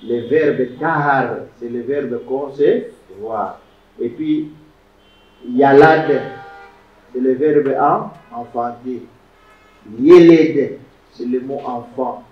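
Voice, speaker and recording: A man teaching a Hebrew lesson, animated and emphatic, sounding out words syllable by syllable. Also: medium pitch, slow. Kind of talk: classroom lecture. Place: classroom. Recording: echoey room, distant mic, dull lo-fi sound.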